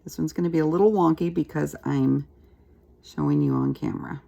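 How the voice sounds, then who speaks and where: Gravelly-voiced woman teaching a craft. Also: low voice, brisk. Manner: chatty, relaxed, talks while working with her hands. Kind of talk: casual craft tutorial.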